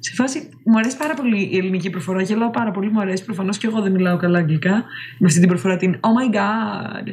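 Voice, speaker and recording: A woman's voice: medium pitch, darkish tone, slight background noise. A woman chatting casually with friends over a call, opinionated and gossipy. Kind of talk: casual group chat.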